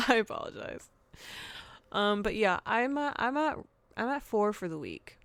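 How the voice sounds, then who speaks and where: A woman's voice: medium pitch, big pitch swings, measured pace, a bit bright, dry recording. A woman hosting her own podcast in a casual solo chat, frank and giggly with lots of fillers. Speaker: podcast host.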